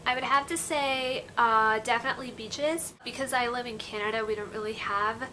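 Young woman from Peru, bedroom vlogger, bright slightly high voice, loose and chatty to camera, faint room noise. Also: steady tone, normal speed, low-quality recording. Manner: chatty, lots of "like" and "you know". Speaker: beauty vlogger. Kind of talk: casual chat to camera. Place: bedroom, indoors. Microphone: camera in front at close range.

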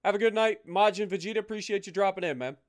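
High-pitched man streaming games, sweary. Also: fast. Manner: sweary, exasperated griping. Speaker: live game streamer. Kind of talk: casual live gaming commentary with chat.

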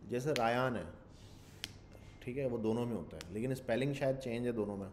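A male programming instructor gives a casual screen-share coding lecture in Urdu, rambling and thinking aloud while mixing in English tech terms. His voice is mid-range and darkish, a little fast, with a light hiss in the background.

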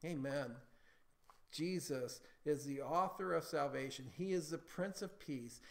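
A man's voice: fairly high pitch, measured pace, gravelly. A man preaching a sermon as pastor in a church, building emphasis and calling for amens. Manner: preaching with rising emphasis, calls for amen.

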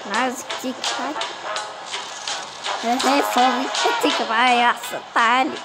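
Egyptian woman streamer, bright high voice, jittery play-by-play, loud music under her. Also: fast talker, low-quality recording. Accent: Egyptian Arabic. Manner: excitable, keeps crying out that she is scared. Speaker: gamer. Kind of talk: let's play commentary. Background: loud game music.

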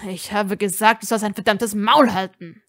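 A woman reading a fan audiobook, voicing a hot-tempered young wizard auror who snaps loudly. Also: mid-range voice, slow pace. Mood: angry. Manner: loud, angry, snapping.

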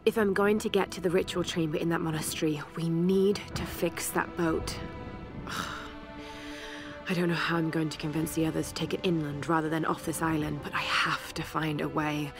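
An actress plays a shaken but determined young adventurer narrating her survival journal in a game. Her breathy voice sits on the low side and often drops toward a whisper, with music behind it.

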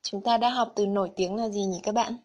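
A woman's voice: mid-range voice, steady tone, a little fast, a little mellow. A woman narrating a scripted Japanese lesson, carefully explaining vocabulary and kanji one item at a time. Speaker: Japanese language teacher.

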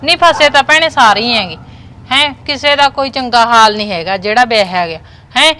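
A woman playing a bright-voiced, meddling neighbour. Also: fairly high pitch, brisk, a little hiss or hum. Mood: gossiping. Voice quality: gossipy, meddling. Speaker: nosy neighbour. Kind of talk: village comedy drama.

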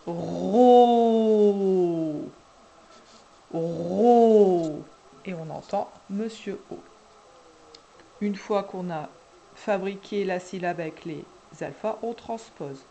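A woman preschool teacher guiding parents through a syllable dictation, speaking slowly and deliberately and drawing out each syllable. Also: medium pitch, dark tone, dull audio, slight background noise. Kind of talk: instructional video for parents.

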